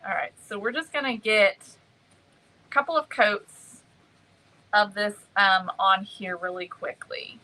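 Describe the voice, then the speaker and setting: A woman hosting a casual craft livestream, greeting viewers by name and filling pauses with many ums. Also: medium pitch, sharp tone, rough recording.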